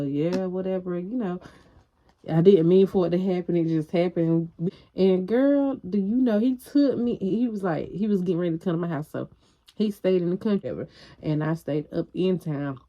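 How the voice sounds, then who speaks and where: A young adult woman telling a personal story to her viewers in a casual, animated way, swearing freely and calling out to the audience. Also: on the low side, moderate pace, muffled recording. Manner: animated, frank storytelling with profanity, addressing viewers. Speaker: vlogger.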